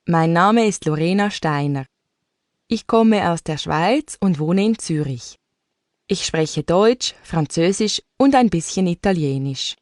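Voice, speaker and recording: A woman reading a scripted self-introduction for a textbook listening exercise, clear and carefully enunciated. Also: on the low side, lively intonation, takes it slowly, a little mellow, no echo, studio quality. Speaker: textbook audio speaker.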